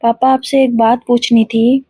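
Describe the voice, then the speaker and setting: A woman's voice: fairly high pitch, flat delivery, a little slow, dark tone, slightly rough, dry recording. A woman voicing a young, caring daughter-in-law who speaks politely and a little hesitantly, in a storybook reading.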